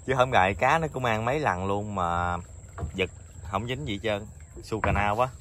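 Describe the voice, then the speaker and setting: With a lowish voice at normal speed, a Mekong Delta–accented fishing vlogger from southern Vietnam chats easily while narrating from his wooden river boat. He stays casual and talkative, with excited bursts now and then, against outdoor river noise.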